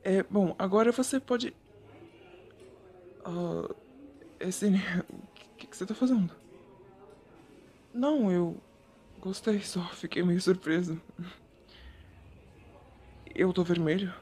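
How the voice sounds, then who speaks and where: A man voicing a shy, sweet young male photographer in a whispered role-play, talking softly and bashfully to the listener. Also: high-pitched, slow, long pauses, a little hiss or hum. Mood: gentle. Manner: soft, gentle and bashful, addressing the listener.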